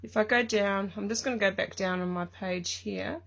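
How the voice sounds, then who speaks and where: With a croaky, mid-range voice that stays steady and a bit bright at normal speed, a middle-aged Australian woman from Tasmania hosts a live craft stream in her craft room. She rambles casually, with many ums.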